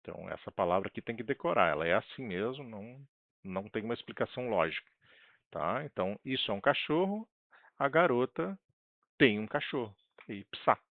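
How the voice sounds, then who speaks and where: A low-voiced man from Brazil walks through a language lesson, asking and answering his own questions. His pitch moves up and down a lot. The sound is dry and thin, like a phone line. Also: big pitch swings, vocal fry, no echo. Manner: reads example phrases slowly and carefully. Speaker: language teacher. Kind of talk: screen-share language lesson.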